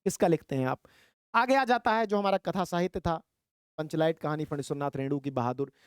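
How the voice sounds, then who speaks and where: A man teaching a Hindi exam prep lesson, explaining step by step and reading verse slowly. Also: fairly high pitch, clear, resonant tone, no echo, clean studio sound.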